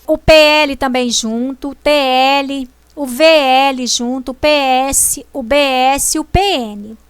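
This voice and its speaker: A woman teacher, explaining a grammar lesson slowly and deliberately, stressing syllables as she goes. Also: high voice, steady tone, no echo. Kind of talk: slow classroom explanation.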